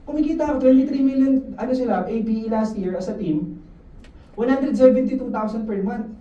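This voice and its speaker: A man giving a lively, joking motivational talk to his insurance sales team, often asking the room questions. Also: very high voice, brisk, dull audio. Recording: echoey room, mic at a distance, faint noise.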